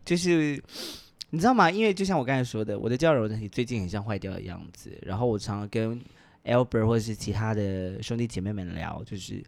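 A man's voice: on the low side, fairly quick, vocal fry, darkish tone, no room sound. A man with a Taiwanese Mandarin accent, co-hosting a casual podcast chat, playful and sprinkling English words into his speech. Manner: playful, mixes in English words, leads the topic. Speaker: podcast co-host.

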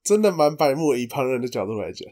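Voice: medium pitch, sing-song, fast, darkish tone. A speaker joins a casual podcast chat. The middle voice swings up and down a lot, dropping playful jokes and side comments. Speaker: podcast guest.

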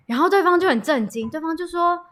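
A woman's voice: extremely high pitch, lively intonation, fast, a bit bright. A woman, a guest retelling events in a casual chat, with hesitant fillers and English words mixed in.

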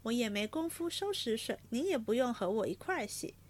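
A woman reading aloud and voicing a fiery, sharp-tongued young maid with quick, petulant retorts. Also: a little high, sing-song. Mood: teasing.

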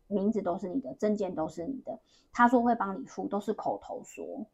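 A young woman with a Taiwanese Mandarin accent tells a long story in a relaxed podcast chat. Her voice has a husky, slightly breathy grain. She rambles and restarts as she goes. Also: mid-range voice, brisk, dull audio. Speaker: podcast co-host.

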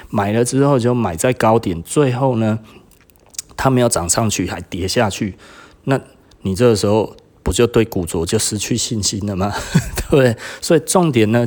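A middle-aged man with a husky, fairly low voice and a Taiwanese Mandarin accent chats casually as a podcast host who also owns a shop. He laughs a lot and quotes other people in lively bursts.

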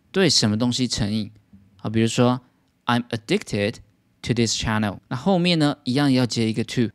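A man's voice: medium pitch, dry recording, studio quality. A man teaching English vocabulary as a patient lesson, explaining words step by step.

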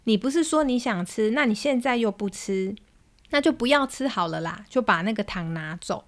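A woman's voice: on the high side, lively intonation, moderate pace, close to an everyday voice. A woman voicing an impatient young mother scolding her small son in a retold story. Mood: exasperated.

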